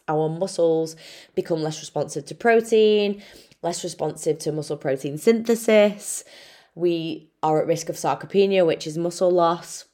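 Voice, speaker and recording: A woman's voice: on the low side, mellow. A young Irish woman, a nutritionist hosting her own podcast, talking casually and frankly, swearing freely and calling the listener babe. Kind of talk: casual solo podcast talk.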